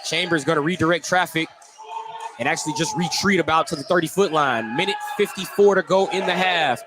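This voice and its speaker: A play-by-play announcer with a fairly high voice and a slightly fast pace calls live basketball for radio. He's in an indoor school gymnasium, and the recording carries noisy gym ambience and bouncing balls.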